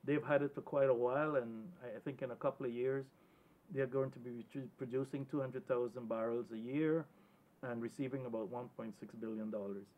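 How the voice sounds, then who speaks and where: A man's voice: medium pitch, steady tone, a little fast, phone-quality sound. A man from Guyana speaking as a guest on a televised panel discussion, talking earnestly and emphatically with frequent restarts.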